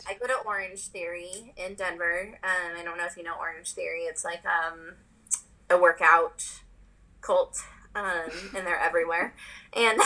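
A woman's voice: fairly low pitch, unhurried, pushed and bright, rough recording. A young woman co-hosting a podcast, chatting candidly, laughing often and swearing casually. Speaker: podcast co-host. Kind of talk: casual chat.

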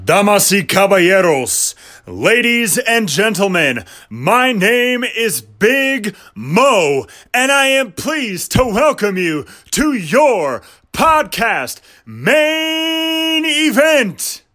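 A man giving a drawn-out, booming boxing ring announcer introduction for a podcast host. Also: very animated. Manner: drawn-out booming delivery with shouted calls.

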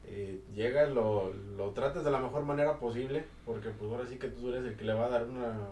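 A man, a guest talking about emergency work in a casual chat, speaking haltingly with many fillers. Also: mid-range voice, darkish tone, far from the mic, slight background noise. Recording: roomy, off-mic with faint ambience.

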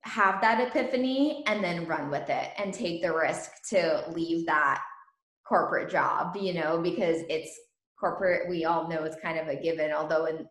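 Ukrainian-born female podcast host, lower pitch, casual, laughing, roomy echo. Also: normal speed, fairly bright tone. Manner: enthusiastic, laughs often. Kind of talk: casual interview chat. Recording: echoey room.

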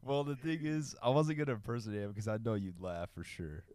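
A man's voice: on the low side, fairly even intonation, a little fast, a little mellow. A young man co-hosting a podcast in casual chat, laid-back and rambling, full of "dude" and "like". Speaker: podcast co-host.

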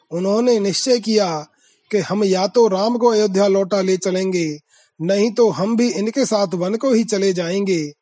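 A man reciting scripture verses in a chanting manner, then reading out their translation in a measured way. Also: sits high, darkish tone. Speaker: scripture reader.

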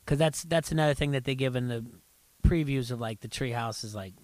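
A man's voice: medium pitch, a little fast, no echo. Rambling middle-aged man, dry sound. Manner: rambling, restarts often, animated when recapping scenes. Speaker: podcast co-host. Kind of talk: casual chat.

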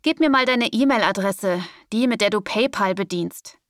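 A woman voicing a calm, cocky young man who talks in an easygoing, smug, soothing way. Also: mid-range voice, normal speed, no echo, studio quality, recorded from a distance, close to an everyday voice.

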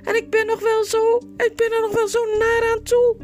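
A squeaky, wailing, timid young noblewoman. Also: monotone, normal speed, a little mellow, soft background music. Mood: tearful. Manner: high wailing, squeaky and tearful. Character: whiny, timid young noblewoman, easily frightened.

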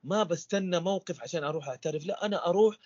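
A man's voice: sits high, very fast, darkish tone, no echo, muffled recording. A man, a stuttering coach guesting on an interview podcast, explaining in a teacherly way with repeated rhetorical questions.

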